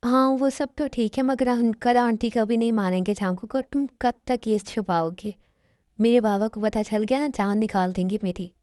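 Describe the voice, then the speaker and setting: A woman's voice: fairly high pitch, normal speed, dark tone, dry recording, studio quality, natural voice. A woman voicing an anxious young woman who keeps her marriage secret, talking in a worried, hesitant way. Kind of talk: amateur Hindi fan dub.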